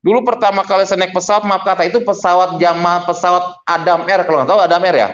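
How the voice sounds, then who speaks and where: Man telling a lively testimony. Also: high voice, fast. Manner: animated storyteller acting out dialogue. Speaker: pastor. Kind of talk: testimony sermon. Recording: dull lo-fi recording.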